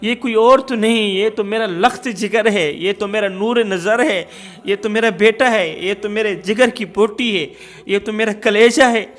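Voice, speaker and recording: A man's voice: high voice, fairly bright tone. A man voicing a grieving old mother who pleads and laments over her son. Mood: anguished.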